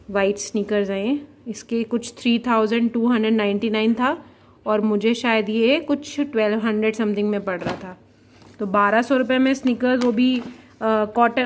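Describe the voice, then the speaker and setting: Young woman, vlogger, high bright voice, chatty, playful, at home. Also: slight background noise. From Jaipur, India. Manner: chatty, playful, laughs and teases. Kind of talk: casual chatty vlog. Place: at home, indoors.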